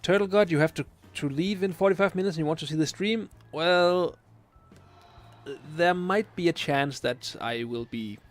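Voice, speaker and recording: Soft music plays behind a Danish streamer in his late twenties as he reads chat questions during a late-night gaming session. His fairly high voice moves at a moderate pace, and his accented English is hesitant and full of fillers as he gropes for words.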